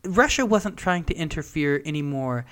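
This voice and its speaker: A man co-hosting a podcast in casual chat, reading news aloud in a smooth, soothing newscaster-like way and joking often. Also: on the high side, expressive, normal speed, a bit bright, dry recording. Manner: chatty, jokey, laughs often. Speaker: podcast co-host.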